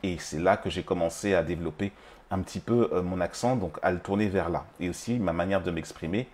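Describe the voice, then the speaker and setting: French-accented man, very low voice, chatty, informal, lots of fillers and restarts. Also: fairly quick, a little mellow. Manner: chatty, addresses the viewer as "tu", many fillers and restarts. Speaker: English-teaching video host. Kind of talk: casual spoken monologue to camera.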